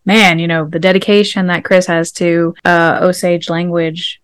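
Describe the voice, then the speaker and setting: A woman leading a casual group discussion, animated, laughing often and acting out what people said. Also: lowish voice, normal speed, clear, resonant tone, no room sound. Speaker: podcast host, Osage citizen.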